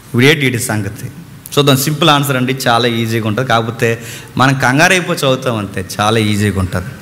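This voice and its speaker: A man preaching a sermon in an animated way, asking his listeners questions and answering them himself. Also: mid-range voice, quick pace, big-room sound.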